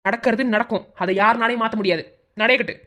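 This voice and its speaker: A woman's voice: on the high side, fast talker, background noise, close to an everyday voice. A woman voicing a harsh, bossy old village grandmother in a cartoon, scolding sharply in a Madurai accent. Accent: Madurai Tamil. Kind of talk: cartoon voice acting.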